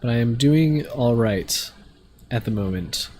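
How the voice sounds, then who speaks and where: Slightly slow and mid-range, this young man's voice comes through with a little hiss or hum. He's live-streaming a game, stuffy from allergies, rambling relaxedly to viewers with lots of filler words.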